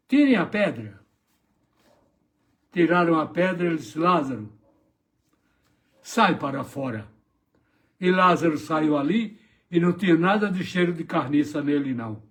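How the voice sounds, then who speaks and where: A man preaching a morning devotional sermon as a pastor, retelling gospel scenes dramatically and acting out the voices in them. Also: sits high.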